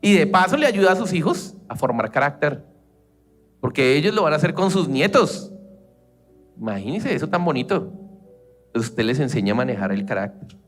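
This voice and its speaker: A man with a Colombian accent giving a lively, conversational sermon as a church leader, acting out everyday family exchanges. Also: fairly high pitch, moderate pace, pauses often, faint music behind.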